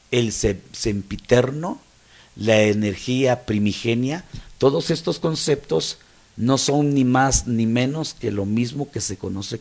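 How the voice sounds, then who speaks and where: A man's voice: mid-range voice, a little mellow. A man with a Mexican Spanish accent, a pastor teaching a Bible study, explaining terms and checking that listeners follow.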